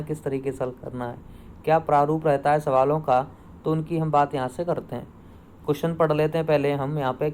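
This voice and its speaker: A man's voice: on the high side, darkish tone, a little hiss or hum. A man teaching a Hindi grammar lesson for exam preparation, asking each question and then answering and repeating it himself. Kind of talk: online exam-prep lesson.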